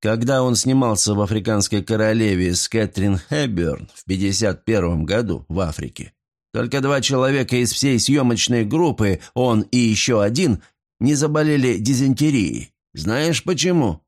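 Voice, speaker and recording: A man's voice: lowish voice, animated, normal speed, a little mellow. An older bearded regular holds court at the bar, grumbling and bragging between sips of whisky. His voice rises and falls a lot, as a man reads the part. Nothing in it sounds like a put-on old-man voice. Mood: boastful. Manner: grumbling, boastful.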